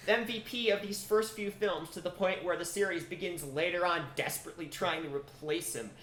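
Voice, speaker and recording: A man with a slightly high voice talks excitedly in a casual podcast chat, piling up fillers as he goes. The room around him is echoey, with a faint hiss underneath. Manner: enthusiastic, quick, many fillers. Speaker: podcast co-host. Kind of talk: casual film discussion.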